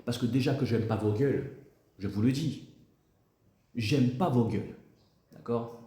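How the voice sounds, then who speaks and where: A man's voice: medium pitch, unhurried, mellow, reverberant, natural voice. A man playing a stern, pompous president in a comic sketch, insinuating and mock-diplomatic as he scolds and threatens. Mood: indignant, pompous.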